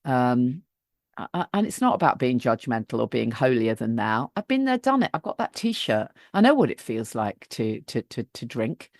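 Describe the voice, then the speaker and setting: A woman's voice: very deep voice, sing-song, normal speed, a little mellow, dry recording, clean studio sound. A woman hosting a podcast, chatting casually and often repeating words as she thinks. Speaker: podcast host.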